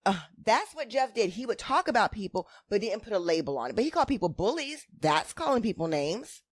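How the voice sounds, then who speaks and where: A woman's voice: medium pitch, very animated, a little fast, dry recording. A woman chatting casually as a co-host, giving opinionated recap commentary in a blunt, emphatic, sassy way.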